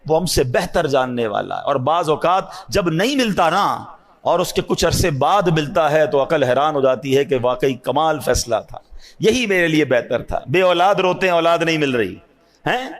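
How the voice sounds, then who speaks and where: Man, preacher, high voice, sermon, hushed asides, emphatic peaks, rhetorical questions. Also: expressive. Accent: Urdu speaker from South Asia. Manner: swings between hushed low asides and high emphatic cries. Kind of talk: religious sermon.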